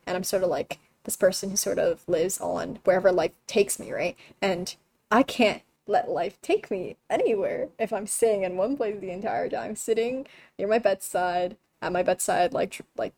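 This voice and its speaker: A woman's voice: medium pitch, moderate pace, vocal fry, darkish tone, no echo. A teenage girl and student chatting casually, rambling with many fillers. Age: teens. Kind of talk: casual chat.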